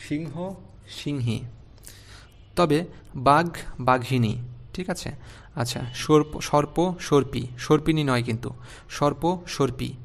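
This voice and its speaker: A man's voice: fairly high pitch, slow, vocal fry, long pauses. A man teaching an online spelling lesson, patient, repeating each word and checking with the class as he goes.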